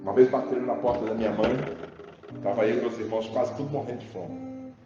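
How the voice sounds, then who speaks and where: A man from Rio de Janeiro preaching a sermon in an animated, jokey way, calling out to his congregation. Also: medium pitch, fairly quick. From Rio de Janeiro, Brazil. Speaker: pastor. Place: large church hall. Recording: roomy church hall, dull sound with music.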